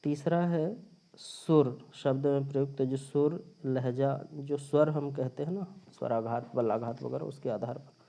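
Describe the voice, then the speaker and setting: Speaking at an unhurried pace, this man has a medium-pitched, gravelly yet mellow voice and a steady tone. He delivers a recorded linguistics lecture on grammar, explaining each step and going over his points again, picked up by a phone or screen recorder.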